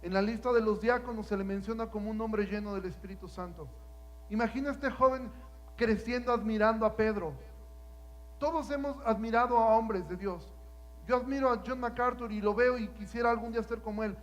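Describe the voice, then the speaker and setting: High-voiced preacher, dynamic sermon. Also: male voice, brisk, muffled recording. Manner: dynamic, swings from hushed to loud, rhetorical questions.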